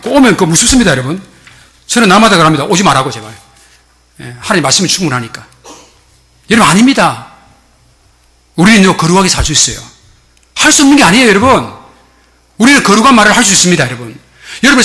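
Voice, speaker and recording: Bright-voiced, exhorting male pastor. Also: sits high. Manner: emphatic, exhorting, frequently addressing the congregation. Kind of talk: sermon. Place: church sanctuary.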